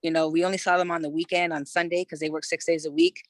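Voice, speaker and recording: A woman's voice: lowish voice, little pitch movement, fast talker, dry recording. A woman in her thirties from California, a podcast guest telling her own story in a loose, frank way, full of "you know" fillers and casual swearing. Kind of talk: candid personal storytelling in conversation.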